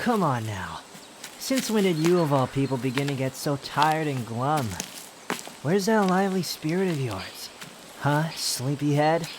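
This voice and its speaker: A youthful, immortal male wanderer played by a man with a fairly high voice and a haughty, sardonic bite. He scolds and teases theatrically, as in an intimate roleplay audio drama, over steady outdoor nature sounds with insects. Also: measured pace, noisy background. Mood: mocking, teasing.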